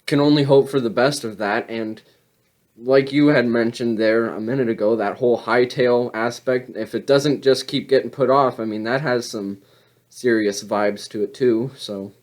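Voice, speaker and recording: A man's voice: medium pitch, fairly even intonation, normal speed. Easygoing man hosting a gaming podcast. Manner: easygoing, reads listener questions. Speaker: podcast host. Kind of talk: casual podcast chat.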